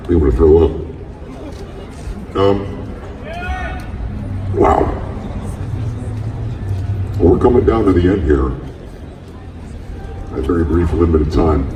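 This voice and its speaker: A man performing a deadpan stand-up comedy set, boasting mock-proudly about deliberately bad accents. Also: low-pitched, slight background noise. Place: outdoor festival stage. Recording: roomy, distant, dull audience recording with crowd.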